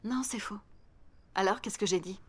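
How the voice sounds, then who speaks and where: An actress dubbing a middle-aged wife, a teacher, who complains about work in a talkative, pointed way. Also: female voice, mid-range voice, normal speed, husky, natural voice. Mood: chatty. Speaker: schoolteacher. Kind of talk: film dub.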